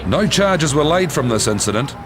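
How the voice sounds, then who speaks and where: A man's voice: a little high, expressive, normal speed. A man reading scripted documentary narration. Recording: clear location noise under narration.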